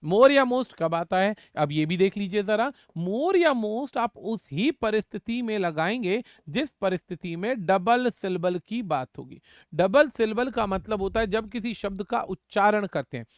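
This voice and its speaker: High-voiced man teaching grammar. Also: animated, a little slow, no room sound, studio quality. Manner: addresses students as "बच्चा", repeats words for drilling. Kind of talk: exam-prep grammar lesson.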